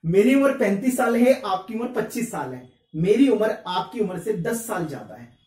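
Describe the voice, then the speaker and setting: A man's voice: high-pitched, lively intonation, normal speed, a little mellow, distant mic. Man, maths teacher, chatty, asks and answers his own questions, roomy echo, mic set back. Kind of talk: explaining a lesson to students.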